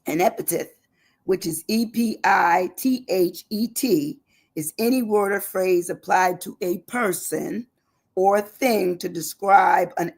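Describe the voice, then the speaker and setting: A woman's voice: on the low side, breathy edge. A woman giving a casual spoken lesson from home, repeating and spelling out words with chatty asides. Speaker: educator presenting a word lesson. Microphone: live-stream setup.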